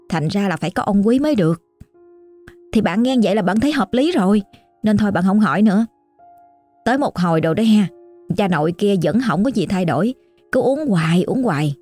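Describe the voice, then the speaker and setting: A woman's voice: medium pitch, mellow. Chatty Southern Vietnamese woman storyteller. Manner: chatty, colloquial, exclamatory. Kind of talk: casual oral storytelling.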